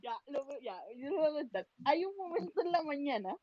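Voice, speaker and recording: A woman with a Chilean accent telling a story in a casual chat, animated and slangy. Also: high voice, brisk, highs cut off, a loud crowd.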